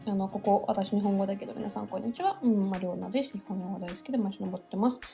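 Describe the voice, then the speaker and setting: Speaking very fast in a mellow yet gravelly medium-pitched voice, this Russian-accented woman hosts a relaxed conversation. She laughs readily, chats freely and fills her speech with fillers. Faint background music plays under a roomy echo.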